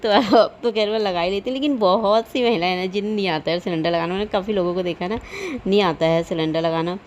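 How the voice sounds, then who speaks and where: A woman talks through her day in a relaxed voice-over for her home vlog. She rambles along in a homely, chatty way and keeps tagging little fillers onto her sentences. Her pitch sits in an ordinary middle range, with a faint hiss in the background. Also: fast, dull audio. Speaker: home vlogger. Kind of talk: casual voice-over vlog narration.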